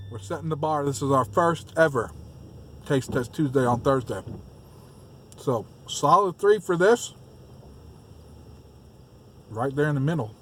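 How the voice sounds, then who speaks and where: A man's voice: fairly high pitch, fairly bright tone, a little hiss or hum. Chatty man talking with food in mouth. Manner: chatty, talking while chewing. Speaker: vlog host. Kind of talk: casual food review chat. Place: parked car. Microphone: phone mounted on dashboard.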